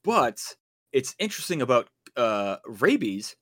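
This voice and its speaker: A very animated podcast co-host speaks at a measured pace in a mid-range, slightly bright voice. He chats casually and rambles, with lots of fillers and restarts.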